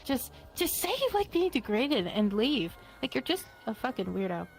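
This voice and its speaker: A woman's voice: on the high side, big pitch swings, moderate pace, vocal fry. Blunt, emphatic woman ranting. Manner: blunt, emphatic, swears freely. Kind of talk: casual chat. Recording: faint music behind.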